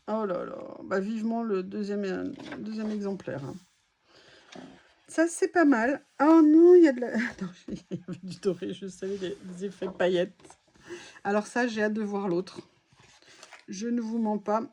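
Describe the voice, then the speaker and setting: A woman's voice: medium pitch, darkish tone. A woman vlogger chatting casually through a craft haul, exclaiming as she reacts to each item.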